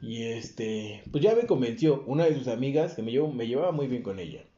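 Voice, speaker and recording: A young man speaking Mexican Spanish co-hosts a podcast and recounts an anecdote during casual chat, swearing a lot, using plenty of slang and mimicking others' voices. His mid-range voice is sing-song and a little fast with a dark tone, recorded in roomy, dull lo-fi audio over faint music.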